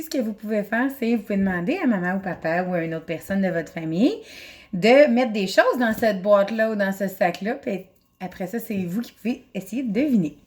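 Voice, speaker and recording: A woman's voice: fairly high pitch, darkish tone. A woman teacher with a Québécois accent, recording a chatty, encouraging video lesson for young children from home. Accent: Québécois French. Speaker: elementary school teacher.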